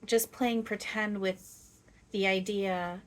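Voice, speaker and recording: A woman speaking as a seance medium, voicing a gentle, playful, loving spirit guide who teaches in halting phrases with long pauses. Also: mid-range voice, close to an everyday voice. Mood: earnest, emphatic. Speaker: trance channeler. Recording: clear steady background noise.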